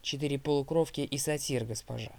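A man's voice: medium pitch, steady tone, fairly quick, gravelly, darkish tone, natural voice. A man voicing a stern, proud young huntress. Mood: disdainful. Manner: commanding, curt, disdainful.

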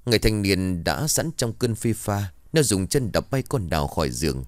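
A man narrating a horror tale in a low, dramatic voice with wide swings of pitch. The recording is dry and close. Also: lively intonation, normal speed, dry recording. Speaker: storyteller.

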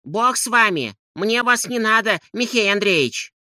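A plain-spoken landlady reels off her complaints in a scolding tone, as a male reader plays her. The voice is lifted well above his own and sounds bright and lively. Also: high-pitched, unhurried, no echo, clean studio sound, pitched above the performer's own voice, full character voice. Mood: reproachful. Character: plain-spoken woman landlady, grumbling and reproachful. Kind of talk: audiobook character reading.

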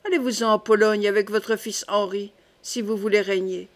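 A woman's voice: medium pitch, steady tone, normal speed, lightly acted. A woman voicing a proud, irritable young king in an audiobook, commanding and indignant.

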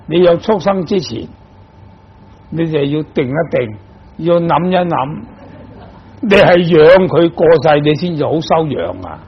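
A man's voice: a little high, lively intonation, measured pace, breathy edge, lo-fi sound. An older man from Guangdong, a Buddhist monk giving a sermon, explaining patiently and posing rhetorical questions to his listeners. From Guangdong, China. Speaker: Buddhist monk teaching dharma.

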